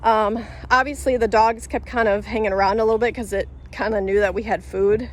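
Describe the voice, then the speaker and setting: A woman's voice: mid-range voice, fairly even intonation, fairly quick. A woman telling a story to camera in a casual, rambling way, full of fillers and restarts, laughing as she goes. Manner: rambling, many fillers and self-corrections; laughs through her telling. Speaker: vlogger.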